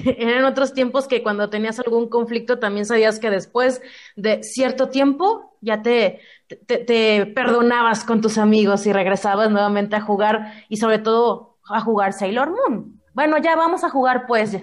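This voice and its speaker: Woman, podcast guest, somewhat high voice, quick reminiscing. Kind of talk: casual chat.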